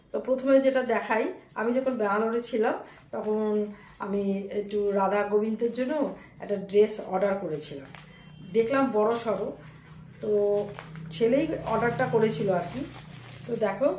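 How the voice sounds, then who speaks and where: A middle-aged woman, chatting casually to viewers in a home vlog. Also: a little high. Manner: chatty, talks to viewers directly. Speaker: vlogger. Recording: roomy echo, faint ambient noise.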